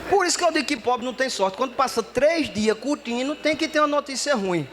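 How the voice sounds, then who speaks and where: A man telling a story in stand-up comedy, lively and acting out the dialogue. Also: very high voice, fairly quick, crowd noise.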